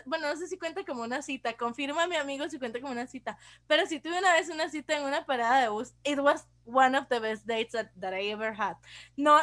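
Young Costa Rican woman, podcast co-host, animated storyteller, high bright tone. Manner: animated, acts out dialogue, says mae constantly. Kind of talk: casual storytelling chat.

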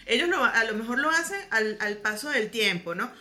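A Venezuelan woman chatting casually on a podcast, telling lively stories about her life abroad. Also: fairly high pitch, normal speed. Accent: Venezuelan Spanish. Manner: lively storytelling, acts out quoted voices. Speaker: podcast guest. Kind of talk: casual chat.

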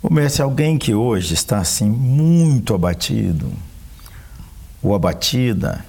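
A man's voice: lowish voice, vocal fry, warm tone, breathy edge. A man, a pastor speaking earnestly about grief and speaking directly to listeners. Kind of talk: conversation on faith and grief.

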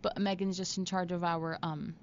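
A young woman co-hosts a podcast and talks in a hesitant, rambling way. Her voice sits at a middle pitch. The sound is dull, with a faint hiss underneath. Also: level tone, normal speed. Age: young adult. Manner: hesitant, rambling, with many ums. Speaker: podcast co-host. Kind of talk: casual chat. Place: radio studio. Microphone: studio mic.

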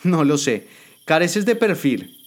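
A man's voice: a little high, very animated, slow, voice pushed up. A man voicing a cruel, ruthless woman politician who taunts and threatens, in a dramatic spoken story. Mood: scornful. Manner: taunting, contemptuous.

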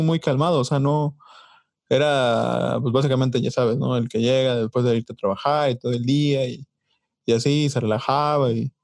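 A man's voice: mid-range voice, no room sound. Young mexican guy telling stories on a podcast, dry close sound, acts out everyone he quotes. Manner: animated storyteller, acts out quotes, swears casually. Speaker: podcast host. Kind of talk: casual chat.

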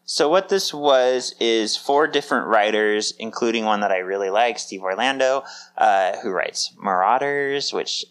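Brief: male podcast co-host, lowish voice, casual, easily amused. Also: unhurried, smooth. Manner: laughs often, animated bursts of excitement. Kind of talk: casual chat.

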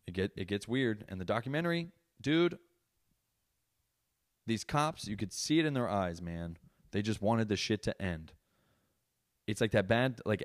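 Profane young man ranting on a podcast. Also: lowish voice. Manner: profane, animated, loud bursts of mock outrage. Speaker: podcast host. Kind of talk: casual comedic rant.

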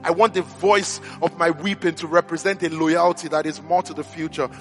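A man preaching a sermon with impassioned, repeated rhetorical questions that rise to shouted appeals. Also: fairly high pitch, fairly even intonation, normal speed, soft background music.

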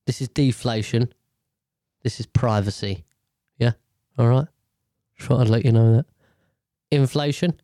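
A man's voice: mid-range voice, measured pace, pauses often, warm tone, no echo, clean studio sound. A British man hosting a casual, rambling commentary on the news in a nasal voice, congested from a sinus infection, blunt and sweary. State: blocked nose from sinus infection. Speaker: host.

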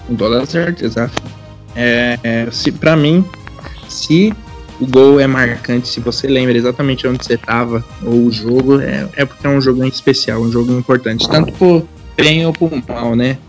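Halting, mid-pitched Brazilian male co-host. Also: fairly even intonation, faint music behind. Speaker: football talk show co-host. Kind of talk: casual chat.

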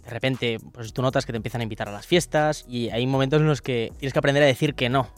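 A man's voice: mid-range voice, quick pace, soft background music. A man with a Spanish accent from Spain, co-hosting a podcast and asking long rambling questions full of fillers. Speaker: podcast co-host. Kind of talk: casual podcast interviewing.

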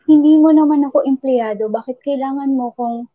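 High-voiced woman venting. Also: a little fast, narrow, tinny audio. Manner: venting, mixes English into Filipino. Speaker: radio host. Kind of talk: casual chat.

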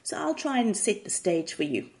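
A woman's voice: mid-range voice, big pitch swings, moderate pace, a little mellow. A woman hosting a daily devotional podcast, sharing a reflection in a conversational storytelling way. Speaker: podcast host.

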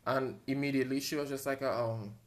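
A man's voice: medium pitch, steady tone, a little fast. A man co-hosting a podcast, chatting casually and often hesitating with "um". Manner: hesitant, many "um" fillers. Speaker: podcast co-host. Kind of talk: casual chat.

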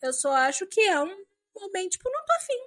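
A young adult woman talks casually as a podcast co-host. Her voice sits high and swoops all over the place. She speaks in an animated, expressive way. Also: fast talker. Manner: lively, acts out quoted dialogue in exaggerated voices. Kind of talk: casual chat.

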